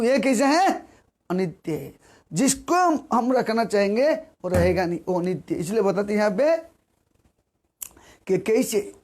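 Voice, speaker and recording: A man's voice: high-pitched, darkish tone. Man preaching with rhetorical questions. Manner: repetitive, rhetorical questions, sings verses slowly. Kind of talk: devotional sermon.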